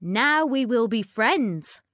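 A woman voicing a small talking frog from a storybook, calm and persistent, in a slow, lively read in a dry room. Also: fairly high pitch, no echo. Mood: insistent. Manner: calm, reasonable, insistent.

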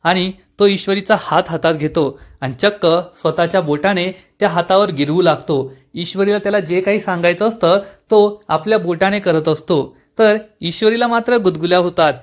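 A serial review narrator with a strikingly high voice recounts a TV episode from a script, moving at a moderate, steady storytelling pace with hardly any pauses. He reads the characters' lines in his own unchanged voice.

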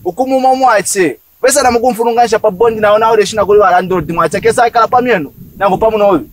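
A high-voiced man talks fast and scolds at length in an amateur film scene. He sounds set back from the mic, with faint music underneath. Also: recorded from a distance.

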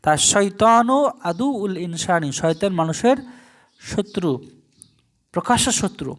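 A teacher works through a recorded language lesson. The voice draws each foreign phrase out slowly, then switches to brisk explanatory asides. Rhetorical questions to the listener keep coming back throughout. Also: mid-range voice.

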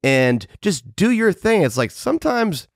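A man's voice: high voice, sing-song, a little slow, dry recording, clean studio sound. A man in his fifties hosting a podcast interview, rambling and casual, swearing and poking fun at himself. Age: 50s. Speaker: podcast host.

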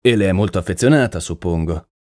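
A man voicing a shrewd, calm male detective in an audiobook, asking measured questions. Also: low-pitched, no room sound, studio quality, natural voice. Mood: probing. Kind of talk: audiobook character reading.

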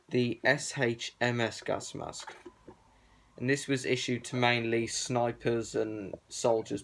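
A man's voice: medium pitch, gravelly, a little hiss or hum. A man speaking through a cloth balaclava, showing his gas mask collection in a rambling, offhand chat full of fillers. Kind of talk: casual show-and-tell vlog.

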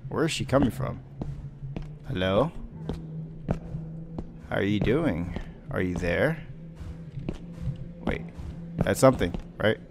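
In an indoor home bedroom with game music behind him, a young man voices a terrified horror game streamer, firing off casual, jumpy remarks, panicked repeated exclamations and curses. His voice sits lowish and creaky, animated yet slow, with frequent pauses.

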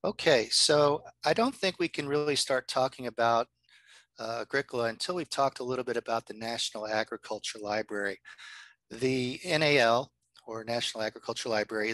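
Bright-voiced man presenting online. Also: mid-range voice, brisk, no room sound, low-quality recording. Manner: friendly, chatty, many ums and uhs. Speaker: librarian presenting a workshop. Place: home office. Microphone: video call.

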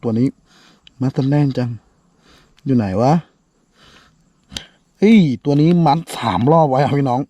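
A young man casually vlogging a firecracker experiment outdoors, with lots of excited exclamations and talk straight to his viewers. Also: medium pitch, measured pace, pauses often, no room sound. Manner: excited exclamations, addresses viewers as brothers and sisters.

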